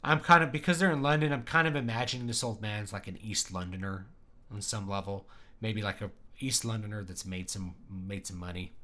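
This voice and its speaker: A man's voice: fairly low pitch, steady tone, fairly quick, sharp tone. Opinionated man teaching writing live. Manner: thinks aloud, plain-spoken and opinionated. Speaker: writing streamer. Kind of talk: casual live-stream writing lesson.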